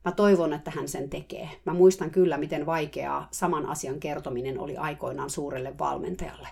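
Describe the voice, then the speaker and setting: A woman narrating a diary-style story with wry, matter-of-fact remarks. Her voice sits low and carries a gravelly fry. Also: fairly even intonation, darkish tone.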